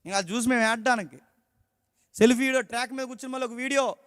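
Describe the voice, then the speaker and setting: A man's voice: very high voice, fairly even intonation, fast, a bit bright, clear, resonant tone, no echo, studio quality, in a large hall. A man preaching a sermon emphatically, often putting questions to the congregation. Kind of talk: Telugu sermon.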